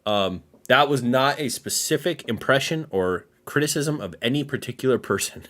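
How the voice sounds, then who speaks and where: A man's voice: medium pitch, lively intonation, moderate pace, fairly bright tone. A man hosting a casual reaction video, giving blunt, dismissive opinions and laughing often.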